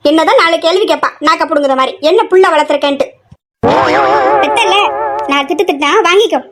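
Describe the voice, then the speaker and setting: A woman's voice: high-pitched, fast, a little hiss or hum, lightly acted. A woman playing a nagging middle-aged mother in a family comedy skit, scolding and complaining nonstop.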